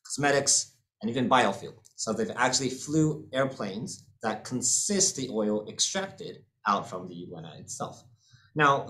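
A man in his thirties with an American accent, born in the UK and raised in the US and Hong Kong, presents his fund at an online seminar. Speaking on a webcam call from an indoor room through a laptop mic, his mid-range, fairly bright voice is full of fillers and repeated words.

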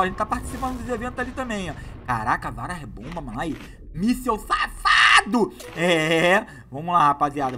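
A man doing excitable, slangy live gameplay commentary as a gaming YouTuber, hyping up his viewers. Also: fairly high pitch, slight background noise.

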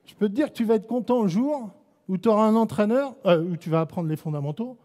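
A man's voice: high voice, fast, mellow. Man coaching in an echoing gym. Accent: French. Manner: barks short commands, teasing players. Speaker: basketball coach. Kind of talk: live coaching clinic on court. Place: indoor basketball gym. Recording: long echo of a gym hall.

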